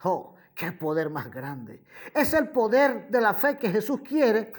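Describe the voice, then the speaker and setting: Slow, emphatic woman preaching. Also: mid-range voice, very animated. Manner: addresses listeners as brother and friend listener. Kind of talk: sermon. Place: radio program.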